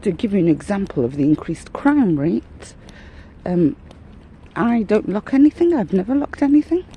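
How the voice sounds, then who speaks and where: A woman vlogs on a dog walk at a moderate pace, her warm, medium-pitched voice swinging widely in pitch. Out of breath, she rambles candidly and wryly, and the rough recording carries a little hiss or hum along with faint outdoor ambience.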